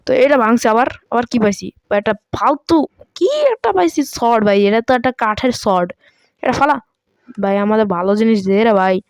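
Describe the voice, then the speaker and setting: Excitable woman gamer, high voice. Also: brisk, clean tone, no room sound, studio quality. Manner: excitable, frequent shrieks and exclamations; chatty, talks straight to viewers. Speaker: gaming channel host. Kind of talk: live gameplay commentary.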